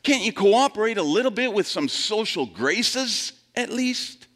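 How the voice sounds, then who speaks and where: Conversational male preacher with lively pitch. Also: unhurried. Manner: conversational, asks the congregation questions; plays out quoted voices with big shifts in pitch. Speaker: pastor. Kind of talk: sermon.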